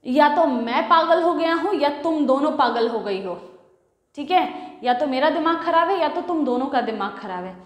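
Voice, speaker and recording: A bewildered, irritated middle-aged husband, read out by a woman teacher, fires off exasperated questions in a fairly high voice. The sound carries a strong echo and a long reverb tail. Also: expressive, very slow, full character voice. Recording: echoey room with long reverb.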